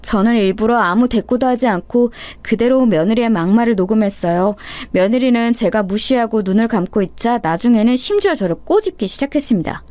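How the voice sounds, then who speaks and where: A woman reading a first-person story as scripted narration, steady and matter-of-fact. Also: on the high side, brisk, hardly any pauses, dry recording.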